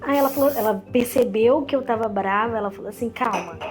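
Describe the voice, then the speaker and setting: Animated Brazilian woman telling her story. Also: fairly high pitch, quick pace, faint music behind. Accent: Brazilian Portuguese. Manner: animated, acts out quoted dialogue, frequent restarts. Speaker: guest. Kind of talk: personal storytelling in conversation.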